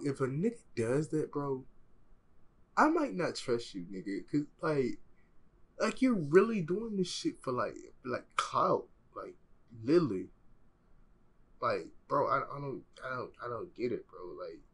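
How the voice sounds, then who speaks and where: Slangy young man reacting, husky voice. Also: mid-range voice, sing-song, a little slow, fairly bright tone. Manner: profane, slangy, rambling with many likes and bros. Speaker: reaction video host. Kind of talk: casual reaction commentary.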